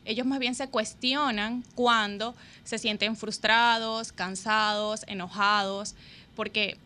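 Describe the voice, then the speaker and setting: A woman's voice: a little high, bright, forceful tone. A woman behavior specialist speaking reflectively on a radio talk show, agreeing and elaborating.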